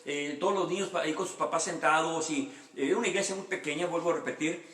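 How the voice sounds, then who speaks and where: A man's voice: a little high, fast, a bit bright, reverberant. A man, a pastor giving a sermon with his own testimony, earnest and repeating phrases for emphasis. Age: 50s.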